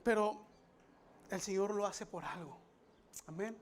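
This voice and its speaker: Halting, high-voiced pastor. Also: male voice, a little hiss or hum. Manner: halting, with many fillers and restarts; confessional, addresses listeners as brothers. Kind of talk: personal testimony sermon.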